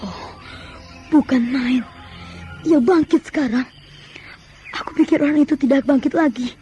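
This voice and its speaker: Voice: sits high, moderate pace, mellow, lightly acted. A performer playing a bold, taunting young fighter in an old radio drama, with theatrical delivery. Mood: astonished. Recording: music under radio drama.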